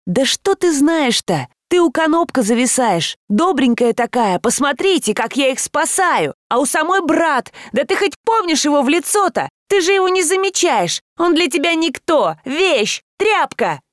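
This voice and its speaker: A woman doing a teen girl yelling her head off, high and shrill, dry sound. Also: sing-song, normal speed, few pauses, dry recording. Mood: furious shouting. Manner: shrill, shouting. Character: furious teenage girl screaming accusations.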